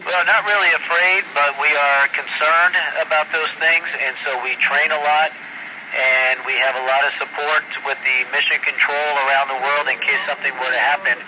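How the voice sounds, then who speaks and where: A man's voice: a little high, fairly even intonation, moderate pace. A man answering students' questions as an astronaut over a crackly space radio link that breaks up, speaking in plain, friendly explanations and ending each answer with "over". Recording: static-laden radio downlink from orbit.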